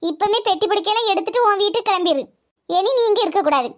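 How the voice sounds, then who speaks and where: A woman with a Tirunelveli Tamil accent voicing a stern, sharp-tongued middle-aged aunt in a cartoon. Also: extremely high pitch, animated, fast. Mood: scolding. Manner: sharp, scolding, keeps saying "ஏட்டி". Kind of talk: cartoon voice acting.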